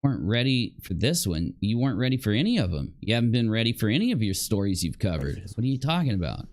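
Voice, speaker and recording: This streamer's voice is on the low side and a little mellow, and he talks fast with big swings in pitch. His unscripted commentary on another person's video is combative and full of accusations.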